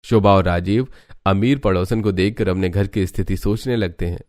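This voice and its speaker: A man narrating a cartoon moral story in a steady, matter-of-fact way. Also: sits low, normal speed, dry recording, studio quality, faint music behind.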